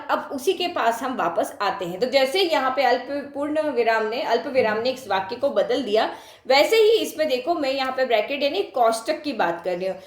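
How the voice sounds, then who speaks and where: A woman math teacher with a high voice, recorded in an echoey room. She talks straight to her students, puts questions to them and repeats each point for emphasis. Her tone stays patient as she walks through the steps. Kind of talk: classroom lesson explaining on a board.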